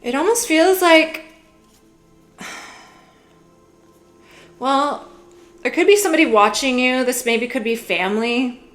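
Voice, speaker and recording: A young woman giving a casual tarot reading, musing gently and filling her talk with "like" and "you know". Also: high voice, slow pace, long pauses, soft background music. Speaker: tarot reader.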